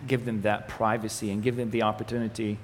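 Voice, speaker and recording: Presenting to a church audience in an echoey, faintly noisy hall, a young Arabic-speaking ministry communications manager from Israel's Galilee talks fast in a fairly low voice. He keeps things relaxed and joking, full of fillers and false starts.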